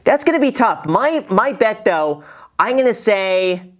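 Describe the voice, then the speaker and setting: A man's voice: high-pitched, sing-song, measured pace. A man hosting his own show and reacting to a video in a chatty, self-deprecating way. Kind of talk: casual reaction commentary.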